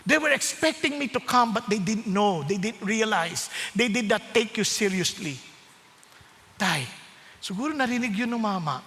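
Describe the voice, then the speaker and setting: A man preaching a sermon, mixing Tagalog and English and rising to loud, emphatic bursts. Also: high voice, animated, measured pace. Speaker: pastor. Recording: long hall reverb.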